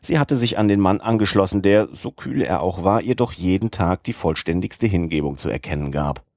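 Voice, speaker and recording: A male audiobook narrator reading a classic novel in a measured, even way. His voice is deep. The recording is close and dry. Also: no echo. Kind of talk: scripted narration.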